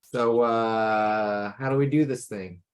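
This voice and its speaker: A man's voice: on the low side, steady tone, slow. A man chatting and improvising as a player in a tabletop role-playing game. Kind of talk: casual improvised game chat.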